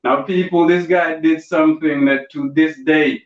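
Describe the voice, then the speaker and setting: A man's voice: fairly high pitch, fairly even intonation, normal speed. A man performing a stand-up comedy routine over a video call, telling stories with punchy asides to the audience. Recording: roomy, distant, dull lo-fi call audio.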